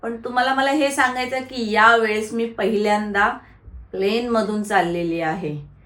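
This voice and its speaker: A woman's voice: a little high, steady tone, normal speed, fairly bright tone, echoey room. A woman vlogger, chatting casually to her viewers and talking baby talk with a toddler. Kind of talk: casual vlog chat.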